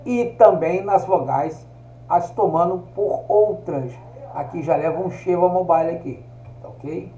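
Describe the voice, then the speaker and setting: A man with a high but mellow voice teaches a recorded lesson, walking through each point patiently and checking in with listeners. He sounds like he's in an echoey room. The recording is dull and lo-fi. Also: a little slow, a little hiss or hum. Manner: explanatory, often checks in with "tá?".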